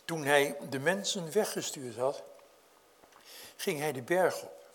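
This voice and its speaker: Male preacher, earnest, higher voice, loud in the story, quiet in reflection. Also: takes it slowly. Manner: earnest, rises in pitch and volume when storytelling, drops low for reflection; addresses congregation directly with questions. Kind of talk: sermon.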